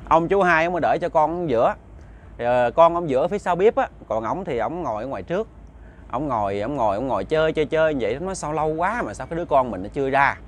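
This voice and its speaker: A man's voice: fairly high pitch, animated, quick pace. A man with a Southern Vietnamese accent telling a ghost story in a chatty, casual way, speaking directly to his listeners.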